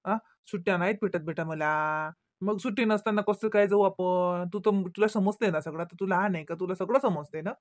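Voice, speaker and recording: A woman voicing a gentle, coaxing father in an animated cartoon, with a Varhadi Marathi accent. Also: lowish voice, normal speed, few pauses, lightly acted. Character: soothing, indulgent cartoon father.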